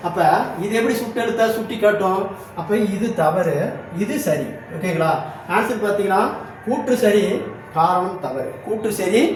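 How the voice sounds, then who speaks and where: A man's voice: high voice, slight background noise. A man teaching an exam-coaching class, drilling letters one by one and checking in after nearly every phrase, in speech. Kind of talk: classroom exam-answer lesson. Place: classroom hall. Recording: very echoey room, voice far from mic.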